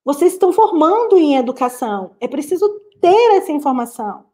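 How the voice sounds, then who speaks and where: A woman's voice: sits high, very animated, fairly quick, dark tone. A woman with a Brazilian Portuguese accent, a guest lecturer giving a live online class over a video call, earnest and explanatory, addressing her students directly.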